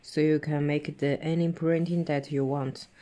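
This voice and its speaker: A man giving a hands-on tutorial, explaining each step in halting, simple phrasing as he demonstrates a device. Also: a little high, little pitch movement, warm tone. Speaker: product demonstrator.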